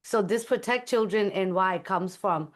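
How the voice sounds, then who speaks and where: In a mid-range voice and at a slightly slow pace, a woman from Thailand who makes music talks about her life as an interview guest. The exchange is conversational, and she comes across as sincere and reflective, with gentle laughter.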